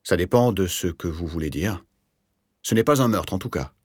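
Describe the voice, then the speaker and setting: A man's voice: expressive, normal speed, a little mellow, husky, no room sound, studio quality. A man voicing an anxious, touchy middle-aged rentier in an audiobook, speaking in a raised, agitated voice. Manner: agitated, defensive, raised pitch. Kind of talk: audiobook character voice.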